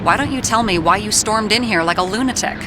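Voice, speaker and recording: A woman's voice: mid-range voice, fast, heavy background noise, natural voice. An actress playing a tough, candid female investigator in a video game, speaking bluntly and reproachfully to her partner. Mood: reproachful, hurt. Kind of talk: dramatic video game dialogue. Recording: loud music over the voice.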